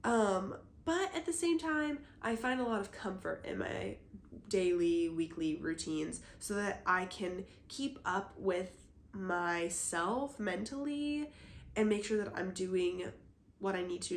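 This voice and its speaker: A young woman with a hoarse, husky voice hosts her own podcast, thinking aloud in an unhurried, rambling way. Her words come slowly, and the roomy echo of the recording hangs around them. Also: mid-range voice. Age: young adult. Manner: reflective, rambling, many "like" fillers. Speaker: podcast host. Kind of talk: casual solo podcast chat.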